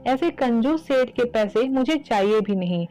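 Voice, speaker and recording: A woman's voice: on the high side, expressive, a little slow, warm tone, poor audio. A woman voicing a proud village bangle-seller woman who speaks firmly in a told devotional story. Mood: indignant.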